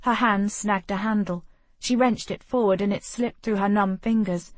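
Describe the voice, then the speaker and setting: A woman narrating a historical romance audiobook in a measured, steady storytelling voice. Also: medium pitch, dry recording.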